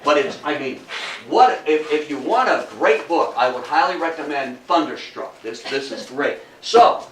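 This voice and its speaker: An older man with a fairly high, somewhat bright voice gives an animated but unhurried informal history lecture, telling stories emphatically, repeating phrases and posing rhetorical questions. He's a local history lecturer from Athens, New York, in the United States, speaking indoors to a small audience. The mic is distant, the room echoes, and there's faint noise.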